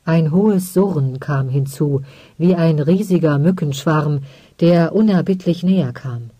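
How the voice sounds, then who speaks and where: Slow, mellow audiobook narrator. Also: mid-range voice, no echo. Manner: measured, calm storytelling. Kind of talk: scripted narration.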